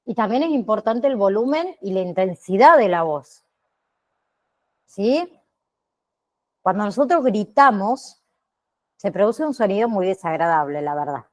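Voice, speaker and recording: Slow, deliberate woman teaching online. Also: mid-range voice, expressive. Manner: frequent tag questions, slow and deliberate. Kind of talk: online class lecture. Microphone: computer mic on a video call.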